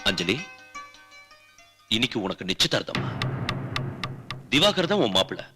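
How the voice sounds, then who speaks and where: A man's voice: on the low side, big pitch swings, a little slow, music in the background. An actor playing a stern middle-aged father who speaks in a coaxing yet commanding way with a Tamil accent. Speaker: heroine's father. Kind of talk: film dialogue.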